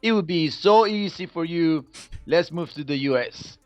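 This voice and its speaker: A middle-aged Costa Rican man, a native Spanish speaker with a Costa Rican accent, tells his own story casually as a podcast guest; he's a Spanish teacher. His voice leans high with lively intonation at normal speed, with no echo, the highs cut off, and faint music behind.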